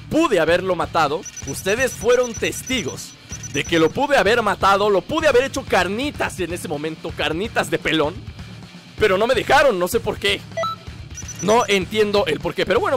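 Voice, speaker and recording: A man giving excited, joking commentary while playing a fighting game, shouting during fights. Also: high voice, normal speed, over music. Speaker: gameplay streamer.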